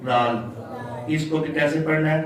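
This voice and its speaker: A man teaching letter sounds in a patient classroom style, drawing out and chanting each sound for his students. His voice sits a little high and comes from some distance off the mic. The room rings with heavy echo around him. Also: fairly even intonation, a crowd in the background. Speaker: Quran recitation teacher. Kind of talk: classroom tajweed lesson. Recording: echoey room, mic far off.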